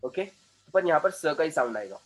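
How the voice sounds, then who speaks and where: A man's voice: on the high side, big pitch swings, brisk. A man teaching a class as a communication trainer, explaining points at length, repeating himself and checking that the students follow. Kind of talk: classroom lecture.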